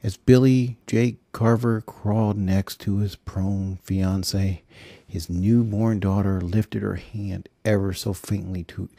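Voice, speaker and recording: A man narrating a novel chapter in a deadpan, dry delivery. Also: fairly low pitch, no echo. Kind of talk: scripted audiobook narration.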